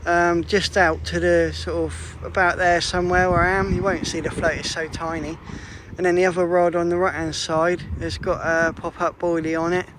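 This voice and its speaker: Chatty high-voiced man filming by a lake. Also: level tone, moderate pace, noisy background. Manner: chatty, upbeat, often breaks off mid-sentence. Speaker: vlogger, angler. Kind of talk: casual vlog chat. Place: outdoors by a fishing lake.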